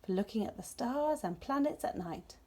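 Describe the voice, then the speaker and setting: Woman voicing a breathy, friendly stargazing man. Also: on the high side, animated, normal speed, warm tone. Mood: enthusiastic. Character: friendly, enthusiastic man with a telescope.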